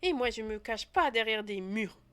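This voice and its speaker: A woman's voice: a little high, expressive, moderate pace, fairly bright tone, clean tone. Brief: hard male hunter, cold and self-righteous, odd mixed accent, put on by a woman.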